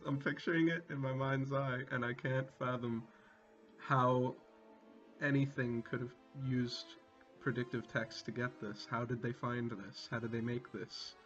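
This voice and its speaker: Speaking slowly with long pauses, a man with a medium-pitched, fairly bright voice performs a comically over-dramatic reading, tossing in casual curses and often laughing. The audio is dull and lo-fi, with background music.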